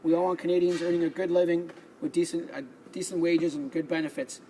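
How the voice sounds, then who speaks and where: Male MP, higher register, formal parliament speech read from notes with small stumbles, light room noise. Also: fairly even intonation, fast, warm tone, rough recording. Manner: reads prepared remarks, stumbling and restarting on words. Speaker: member of parliament. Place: legislative chamber.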